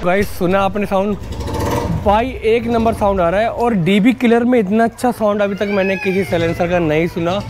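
On a narrow residential street with background noise around him, a motorcycle vlogger in his 20s talks to viewers at a normal speed in a voice that sits high. He's informal, calling them buddies, and mixes in English words. He uses a wired lavalier microphone.

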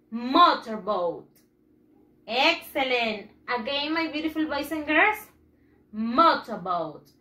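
Slow, lively-pitched woman teacher. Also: roomy sound. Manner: patient, repeats each phrase in English then Spanish; leads call-and-repeat drills. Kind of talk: bilingual children's English lesson.

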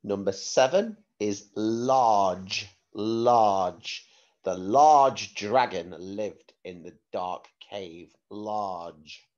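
A man speaking as a primary school teacher, giving slow, deliberate spelling dictation, repeating words and spelling them out letter by letter. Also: fairly low pitch, darkish tone, highs cut off.

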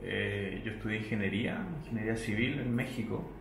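A man in his thirties, a chef from Chile who grew up in Mexico and speaks with a Mexican Spanish accent, answering interview questions thoughtfully, with hesitations and soft laughs. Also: lowish voice, steady tone, fairly quick, gravelly, background noise. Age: 30s. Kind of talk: relaxed sit-down interview. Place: indoor restaurant with wooden shelves. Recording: echoey room with faint ambience.

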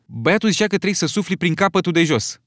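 Man doing a high-pitched nervy boy with glasses, excitable, sing-song delivery, dry close sound for an audiobook. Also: no echo. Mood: excited. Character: chubby anxious boy with glasses, fretful, excitable. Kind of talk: audiobook reading.

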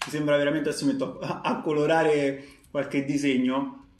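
A man's voice: on the high side, little pitch movement, normal speed, faint music behind. A young man talking while chewing a snack, addressing his viewers with enthusiasm in a casual taste-test vlog. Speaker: food vlogger. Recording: echoey room.

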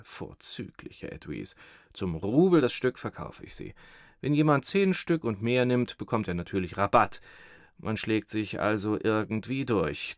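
A man's voice: fairly low pitch, no room sound, studio quality. A man voicing a fawning, talkative thin clerk in an audiobook, speaking eagerly and at length. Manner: effusive, eager, rambling. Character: fawning, chatty thin male clerk, excited. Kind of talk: audiobook character reading.

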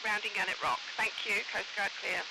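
A woman working as a coast guard radio operator, heard over a marine radio, answering vessels in steady, formal radio procedure. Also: mid-range voice, brisk, gravelly. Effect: heard over a marine VHF radio. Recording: scanner radio recording under loud hiss.

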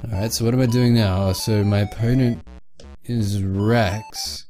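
A man's voice: on the low side, steady tone, a little slow, faint music behind. Exasperated man swearing at a game. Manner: exasperated, swearing, loud outbursts. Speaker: let's play host. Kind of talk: casual game commentary.

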